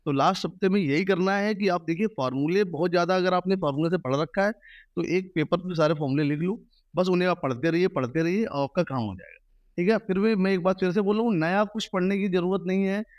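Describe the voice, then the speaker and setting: A man's voice: high voice, fast talker, no room sound, dull audio. A man who teaches maths, giving earnest advice to exam students in an interview. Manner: earnest, advising students directly. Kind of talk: interview answers.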